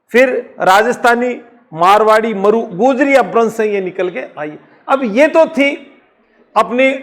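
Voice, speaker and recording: His voice sits high as this Rajasthani-accented male teacher leads an exam-prep lecture. Slow explanations, repeated key points, and self-answered questions mark his teaching.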